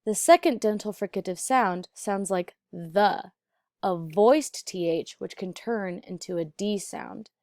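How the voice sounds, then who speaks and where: A woman with a mid-pitched voice narrates a pronunciation lesson. She enunciates deliberately like a teacher, recorded close and dry with no room sound. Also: a little mellow, no room sound. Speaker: accent teacher. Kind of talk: instructional narration.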